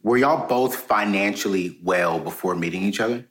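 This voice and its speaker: A man's voice: fairly low pitch, normal speed, echoey room. A man hosting a podcast interview, playful and hyped up, who repeats his guests' words back to them. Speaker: podcast host.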